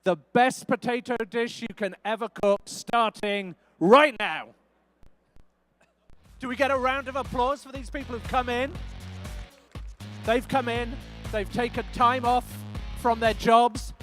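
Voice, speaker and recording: A man's voice: extremely high pitch, a little slow, long pauses, soft background music. A man hosting a live cooking contest at an expo, joking and rousing the crowd. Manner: jokey, energetic crowd-rousing. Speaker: event host. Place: event hall.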